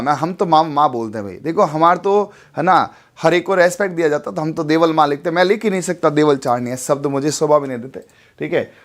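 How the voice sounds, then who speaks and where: A man's voice: fairly high pitch, a bit bright. A young man, teaching an exam-prep class in a chatty way and often checking with his students. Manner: chatty, repeats tag questions like "theek hai". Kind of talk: live exam-prep lesson.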